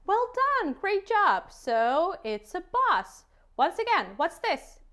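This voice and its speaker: A woman with a high, very animated voice talks to a small child as a teacher. She goes very slowly, repeats short phrases and simple questions, and draws out key words. Her manner is encouraging and full of praise. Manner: exaggerated, drawn-out key words. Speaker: English teacher for young children. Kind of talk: interactive children's vocabulary lesson.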